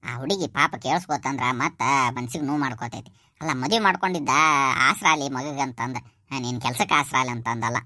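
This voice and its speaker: Woman doing gruff North Karnataka old man. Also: rumbling low, fairly quick, pushed and bright, no echo, studio quality, full character voice. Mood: scolding. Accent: North Karnataka Kannada. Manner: scolding, calls wife "le". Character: grumbling older father-in-law, peacemaker.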